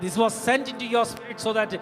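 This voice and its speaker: Guy with a really high voice translating the preacher, super slow, uh's, echoey hall with music. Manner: slow and hesitant, with fillers. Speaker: interpreter. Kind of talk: live sermon interpreting into English. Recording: reverberant church hall with music.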